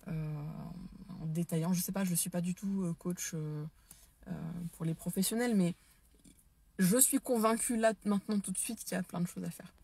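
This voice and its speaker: Woman talking live to her followers, husky gravelly voice, warm and dry, lots of ums and restarts. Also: on the low side, steady tone, moderate pace, no room sound. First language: French. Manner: hesitant, many fillers and restarts, enthusiastic. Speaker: live stream host, dance and neurotraining teacher. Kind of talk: casual Facebook live talk.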